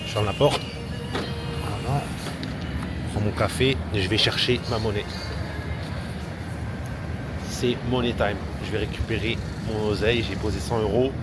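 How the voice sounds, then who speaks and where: A man's voice: fairly low pitch, measured pace, pauses often, loud music behind the voice. A young man, vlogging casually from his car and a petrol station, slangy, joking and ranting. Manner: slangy, animated, swears and jokes, ranting. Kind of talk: casual vlog talk to camera. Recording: outdoor traffic noise behind.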